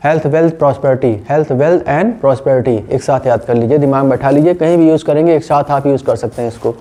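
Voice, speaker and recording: Male English tutor, Indian accent, teaches in Hindi; slightly high, mellow tone, patient step-by-step phrasing. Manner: explains slowly, repeats English phrases with Hindi glosses; frequent checking fillers. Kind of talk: spoken English lesson in Hindi.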